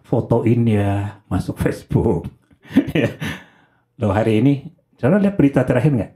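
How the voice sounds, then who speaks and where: A man's voice: mid-range voice, warm tone. A man, a pastor, preaching a conversational sermon to a congregation and often asking rhetorical questions.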